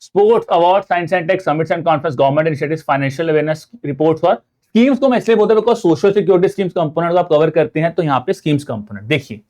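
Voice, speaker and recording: A man's voice: fairly high pitch, lively intonation, moderate pace, a little mellow. Indian man teaching an exam-prep lecture. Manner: explanatory, addresses viewers as friends, mixes English terms. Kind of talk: online lecture.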